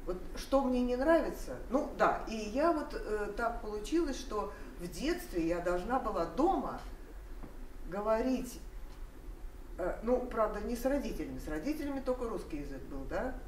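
An older woman with a mid-range, slightly mellow voice tells a personal family story at a seminar, her intonation lively and her pace moderate. She stands among the seated audience, rambling with many hesitations and restarts as she shares memories. A far camera mic captures her in an echoey room with some noise.

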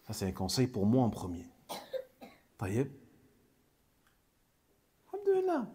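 Commenting on a hadith, the man teaches at a normal pace in a lowish, dark voice, with a little hiss or hum in the recording. As an Islamic teacher, he repeats key phrases for emphasis and weaves in brief Arabic phrases.

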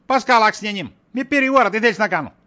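Playing a tired middle-aged shopkeeper husband in a comedy sketch, a man uses a high, expressive voice with a sharp tone. He sounds exasperated, dodging his wife's questions with wisecracks.

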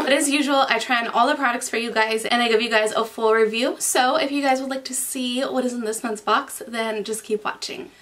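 A woman's voice: a little high, fairly bright tone. A young woman, a beauty vlogger, chatting casually through a makeup unboxing, her voice nasal from a cold, with frequent giggles.

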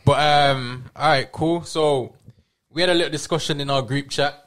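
A man's voice: on the high side, normal speed, slight background noise. A man hosting a podcast, chatting casually and backing up his guest with lots of agreement. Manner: steady backchanneling, slangy. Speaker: podcast host.

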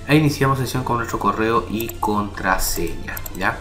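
A man's voice: mid-range voice, normal speed, bright, forceful tone. A man hosting a screen-recorded walkthrough, explaining step by step in a casual tone and often checking in with his listeners. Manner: casual, explanatory, frequent "¿ya?" and "¿vale?" check-ins. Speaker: tutorial host. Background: background music.

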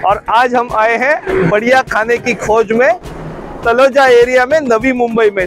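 A middle-aged man with an Indian accent, high in pitch, hosts an enthusiastic food vlog, switching easily between Hindi and English. He talks into a lapel mic at an open-air restaurant, with faint music playing behind him. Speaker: food vlogger host. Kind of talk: casual food vlog commentary.

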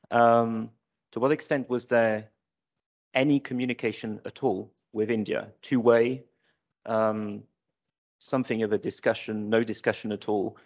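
A man with a low voice asks a courteous, carefully worded question from his seat in a boardroom. He presses politely for a clear answer. The recording sounds dull and muffled. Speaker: audience member asking a question. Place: large conference boardroom.

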